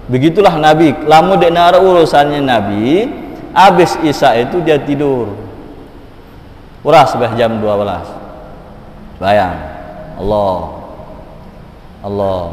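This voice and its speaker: A man giving an emotive sermon, swinging between loud exhortation and hushed pleading. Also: medium pitch, expressive, moderate pace. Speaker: preacher. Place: mosque hall. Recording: roomy echoing hall, faint ambience.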